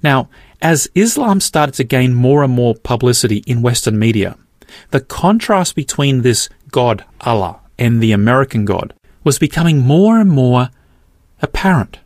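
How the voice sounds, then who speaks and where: A middle-aged man reads his podcast narration in a measured, earnest way. His voice sits at an ordinary pitch. It is recorded dry and close, with no room sound. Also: big pitch swings, a little mellow, no echo. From Australia. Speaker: podcast host. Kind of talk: scripted narration.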